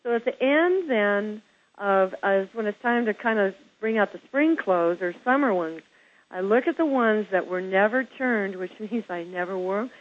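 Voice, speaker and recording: A woman's voice: medium pitch, expressive, normal speed. A middle-aged woman from Kansas hosting a casual interview, gushing with praise and calling her guest girl. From Kansas, USA. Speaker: host of a home-staging show. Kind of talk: casual interview on a phone line. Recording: tinny phone line.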